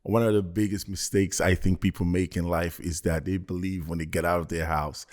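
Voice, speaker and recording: A man's voice: sits low, flat delivery, fairly quick, darkish tone. A man from Belgium, a motivational speaker, talking earnestly and reflectively as a podcast guest. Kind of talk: casual podcast conversation.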